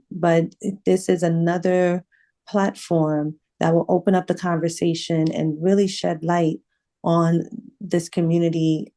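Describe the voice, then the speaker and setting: Woman, radio host, studio, formal welcoming delivery, deep tone, mellow sound. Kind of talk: radio interview.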